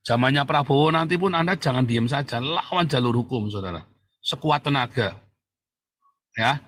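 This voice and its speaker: A man's voice: mid-range voice, expressive, normal speed, a bit bright. A man hosting a religious livestream talk show, mocking his opponents and urging his audience to fight back through legal means, often repeating phrases for emphasis. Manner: mocking and defiant, laughs at opponents. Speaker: livestream host.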